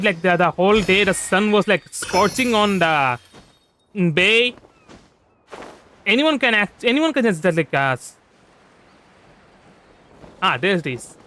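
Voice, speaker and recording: This livestreamer's voice is high and bright, animated yet a little slow, with frequent pauses. Chatting casually over his gameplay, he rambles and keeps repeating and restarting phrases over soft background music.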